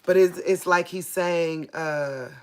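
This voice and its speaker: Slow, halting woman sharing a faith message. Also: fairly low pitch, steady tone, darkish tone, smooth. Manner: halting, searching for words, repeats herself. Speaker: faith livestream host. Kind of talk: casual spoken prophetic message to viewers.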